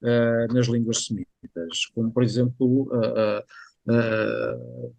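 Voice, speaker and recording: A man with a European Portuguese accent, a guest scholar in an interview, speaking hesitantly and filling pauses with drawn-out fillers. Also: mid-range voice, creaky, a little mellow, no echo. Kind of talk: interview conversation.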